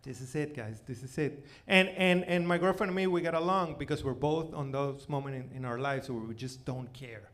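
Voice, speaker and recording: This stand-up comedian, a forty-year-old native Spanish speaker with a Venezuelan accent, has a medium-pitched, slightly bright voice. He stumbles along, repeating himself and leaning on "you know" and "like" as he spins conversational stories before a live club crowd, captured in a noisy recording.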